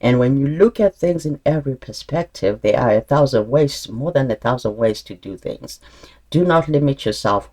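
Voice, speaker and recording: A man's voice: medium pitch, warm tone. A man giving an intuitive tarot reading straight to his viewers, earnest and encouraging, often repeating himself and restarting as he reads the cards. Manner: earnest, encouraging, spiritual advice in direct address; casual, calls listeners "honey". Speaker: tarot reader.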